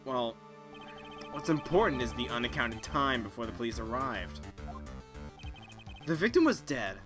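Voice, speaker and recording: A man voicing a young defense lawyer in a fan dub of a video game, speaking in a dry, thoughtful, slightly lowered tone over game music. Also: big pitch swings, a little slow. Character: young male defense lawyer, earnest, wry.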